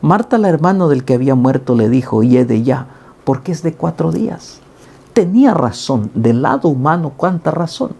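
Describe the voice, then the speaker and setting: A middle-aged man preaches a daily Bible sermon. His voice is dark and gravelly with a husky edge. He speaks earnestly and climbs to emphatic highs for the scripture quotes. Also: very animated, normal speed. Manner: earnest, rising to emphatic peaks when quoting.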